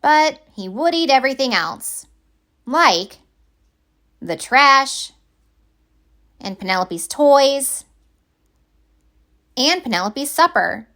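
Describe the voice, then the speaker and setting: A high-voiced woman reads from a picture book for children, delivering it in a deliberate, expressive storytelling style.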